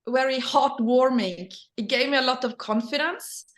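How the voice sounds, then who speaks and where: Speaking English with a Norwegian accent, this middle-aged woman, whose native language is Norwegian, is an interview guest and company leader sharing casual personal stories. Her voice sits high, she sometimes pauses searching for words, and the audio is echoey.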